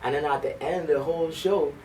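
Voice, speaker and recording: Speaking fast in a steady, slightly high and darkish voice, a school band director talks keenly during a library interview, often restarting and saying um. The low-quality recording comes from a distant mic with slight background noise.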